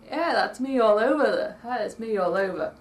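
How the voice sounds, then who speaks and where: A woman records a casual vlog at home by day while traffic murmurs faintly outside, reading and commenting on points from a list and spelling out words letter by letter. Her husky, not-yet-warmed-up voice is a little high and expressive, rambling along at a moderate pace.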